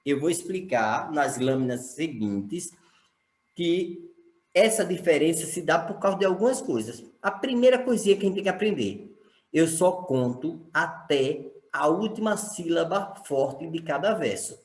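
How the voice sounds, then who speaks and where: A man's voice: on the high side, lively intonation, unhurried, darkish tone, echoey room. A male teacher from Sergipe, Brazil, with a Brazilian Portuguese accent, explaining a lesson and asking rhetorical questions. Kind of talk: recorded online lesson.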